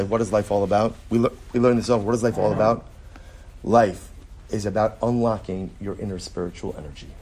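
Male teacher, informal spiritual class, repeats himself, asks the room questions, faint noise behind. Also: lowish voice. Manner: repetitive, rhetorical questions, animated. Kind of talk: informal lecture to a small group.

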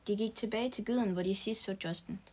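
A woman's voice: medium pitch, a little mellow, husky. A woman reading a story aloud in a plain manner, with small restarts now and then.

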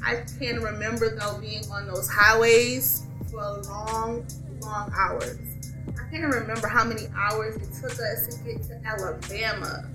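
A woman telling a story in casual chat, animated, laughing often, with lots of "like". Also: a little high, measured pace. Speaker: podcast co-host. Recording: roomy echo, faint music behind.

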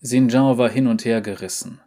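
A man narrating a story in a calm, even audiobook reading. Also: medium pitch, normal speed.

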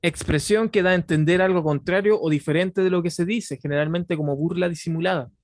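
A man's voice: high-pitched, a little fast, no room sound, clean studio sound. A Chilean man co-hosting a podcast, joking and teasing his partner and reading definitions aloud. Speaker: podcast co-host. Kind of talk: casual podcast banter.

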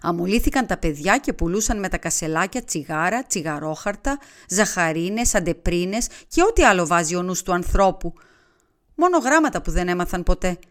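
A woman narrates a literary story in a somewhat low voice. Her reading is steady and unhurried, like a practiced audiobook reader telling a tale.

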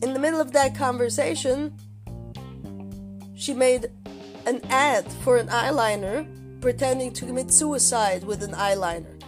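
A woman from Switzerland delivering an angry, swearing monologue to her listeners, dropping to low mutters and then bursting out loudly. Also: a little slow, long pauses, music in the background. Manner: angry ranting, heavy swearing, swings from low mutters to loud outbursts.

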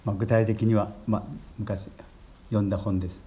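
Older priest preaching in a low voice. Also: male voice, flat delivery, normal speed, a little hiss or hum. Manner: gentle storytelling preacher, rising emphasis on key words. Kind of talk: sermon.

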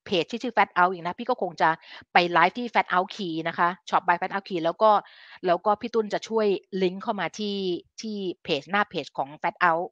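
A woman's voice: lowish voice, moderate pace, a bit bright, no echo. A middle-aged woman hosts a casual health live stream and talks with her viewers like an older sister. She scatters English science terms through her speech. The sound is dry, with no room, and a little dull. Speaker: live-stream host giving health advice.

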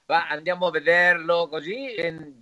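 A man from Argentina speaking with an Argentine Spanish accent as a native Spanish speaker, halting and searching for words in a casual interview. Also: a little high, bright, forceful tone, no echo. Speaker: interview guest.

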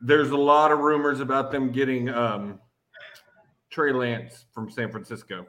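A man's voice: medium pitch, steady tone, a little slow, fairly bright tone, rough recording. A man hosting a sports podcast, leading the talk in a loose, swearing, casual chat. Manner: loose, swearing, leads the segment. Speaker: podcast host.

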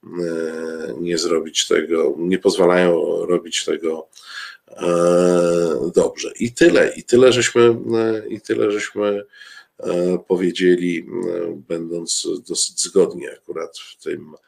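A man talks slowly to his audience in a deep, gravelly voice. He pauses often, restarts phrases and fills gaps with hesitation sounds. He keeps a dry, ironic tone as he comments on current affairs. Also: fairly even intonation, a little mellow. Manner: halting, many filler sounds and restarts; ironic, addresses the audience directly. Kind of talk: political commentary show.

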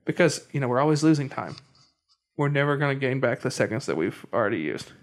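A man's voice: mid-range voice, very animated, fast talker. A young man hosting a casual podcast chat, often hesitant and restarting his sentences. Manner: hesitant, many restarts and stammers. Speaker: podcast host.

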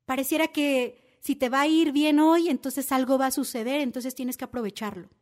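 A woman's voice: sits high, steady tone, moderate pace, a little mellow. A woman hosting a motivational podcast, talking intimately and asking the listener direct questions. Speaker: podcast host.

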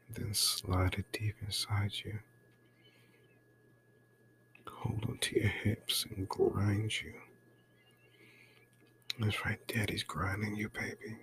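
A man doing an intimate ASMR role-play right in your ear, breathy and coaxing, close to the mic. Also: a little hiss or hum. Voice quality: breathy, mostly soft-spoken low voice.

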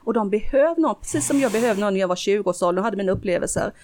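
A woman's voice: mid-range voice, lively intonation, a little mellow, slight background noise. A middle-aged woman, a guest, telling a personal story earnestly in casual conversation, with frequent restarts. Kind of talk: casual interview talk.

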